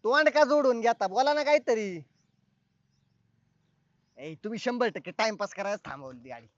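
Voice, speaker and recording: An actor playing an impatient man who shouts and demands answers. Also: sits high, expressive, normal speed, no room sound. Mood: irritated. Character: impatient man stopped on the road, irritable. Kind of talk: comic web film acting. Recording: dull, dry film sound.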